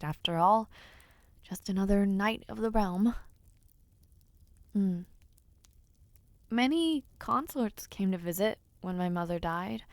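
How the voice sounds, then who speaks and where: This clip has a woman with a lowish, clean voice and no echo, acting out an audio roleplay aimed directly at the listener. She portrays a lively noblewoman who dreams of knighthood and is playfully impatient, delivering her refined lines expressively with sighs and teasing asides.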